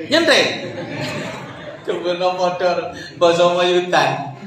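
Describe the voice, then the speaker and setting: A man's voice: sits high, expressive, slow pace, a bit bright, slight background noise. A man with a Javanese accent preaching a sermon in a mosque, questioning the congregation and jokingly mixing in English words. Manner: questions the congregation, calling them sir and ma'am. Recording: very echoey mosque hall.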